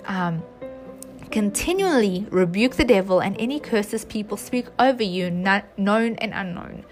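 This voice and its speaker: A woman giving an earnest, chatty devotional talk to her viewers, with bursts of excitement and many restarts. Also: mid-range voice, measured pace, faint music behind. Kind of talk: casual devotional talk to camera.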